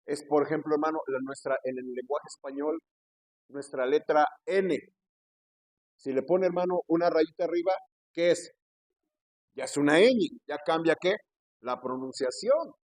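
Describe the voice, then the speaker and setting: A man's voice: a little high, unhurried, long pauses, darkish tone, no echo, poor audio. A man with a Mexican Spanish accent, a pastor preaching a sermon who keeps addressing the listener as brother and asking rhetorical questions. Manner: preaching, peppers speech with "hermano" and rhetorical questions. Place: church.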